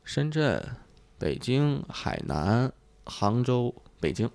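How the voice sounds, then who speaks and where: A man's voice: medium pitch, sing-song, slow, gravelly, darkish tone. A young man with a thick-tongued, slightly slurred way of speaking that muddles L sounds, chatting casually as a podcast host. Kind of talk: casual improvised chat.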